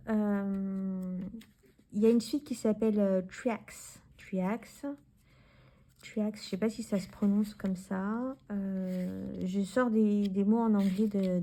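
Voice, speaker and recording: A French woman in her forties, with a mellow, medium-pitched voice, talks straight to the viewer while handling and showing off her tarot decks. Her casual deck-review vlog rambles, filled with fillers and restarts.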